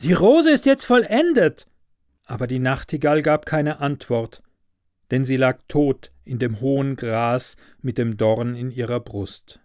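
A man reading a fairy tale aloud with slow, measured, expressive narration. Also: mid-range voice, no echo, studio quality. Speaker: storyteller. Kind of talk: storybook reading.

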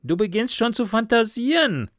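A brash young man talks in a raised, loud, bantering way, his voice pitched above the narrator's own. He is a friend who jokes one moment and worries the next, as a male narrator puts him on for a read-aloud story. The sound is close and dry. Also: sing-song, moderate pace, no echo. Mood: worried.

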